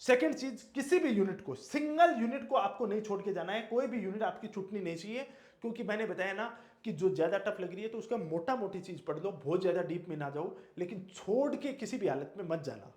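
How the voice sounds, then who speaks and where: Emphatic high-voiced teacher. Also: male voice, lively intonation, fairly quick, darkish tone, reverberant. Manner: emphatic, repeats key words, asks and answers own questions. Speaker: exam coaching teacher. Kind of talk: motivational exam lecture.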